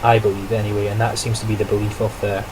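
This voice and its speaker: Speaking fast in a fairly low, flat voice, a young man training as a teacher recounts his day for a casual video diary. He's chatty and reflective, with frequent small laughs and self-corrections, and noise can be heard behind him.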